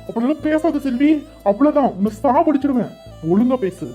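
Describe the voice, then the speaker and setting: A woman's voice: medium pitch, expressive, normal speed, faint music behind, lightly acted. A woman voicing a young man who pleads with and scolds his girlfriend in a cartoon. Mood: angry. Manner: pleading, then sharp and threatening. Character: young man, pleading and hot-tempered lover.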